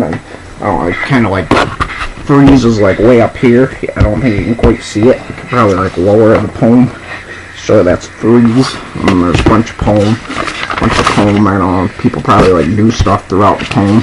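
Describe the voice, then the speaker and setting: A drunk man rambling casually and haltingly as he presents and reads out a poem, drawing words out and losing his thread. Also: on the low side, noisy background.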